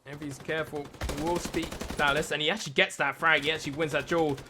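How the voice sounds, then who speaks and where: Alone at a home setup, a male esports caster gives quick, play-by-play commentary on a shooter match in a fairly high, fairly even voice worn slightly raspy from the late hour. A faint hiss runs underneath as he talks through tech trouble with self-deprecating humour.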